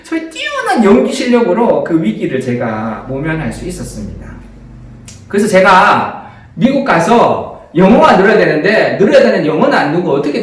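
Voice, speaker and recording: A male priest preaches in a lively, storytelling way, his pitch rising and falling as he poses questions to the congregation. The sound is very echoey, as if from a big church. He is picked up from some way off the mic. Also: far from the mic. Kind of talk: sermon.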